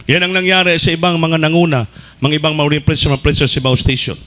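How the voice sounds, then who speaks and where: A man preaching a sermon fervently, swinging between shouted peaks and low asides and mixing in English phrases. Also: level tone, quick pace.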